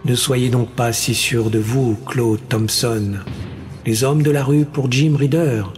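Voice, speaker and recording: A man voicing a theatrical television host who speaks slowly and emphatically. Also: mid-range voice, steady tone, darkish tone, faint music behind, close to an everyday voice. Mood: grandiose. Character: smooth male TV show host, grandiose.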